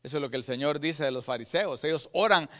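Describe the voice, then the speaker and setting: A man with a Guatemalan Spanish accent preaching a sermon as pastor, swinging from loud emphatic peaks to quiet low asides and often calling out to his brothers. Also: quick pace. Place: church sanctuary. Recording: long reverb of a church hall.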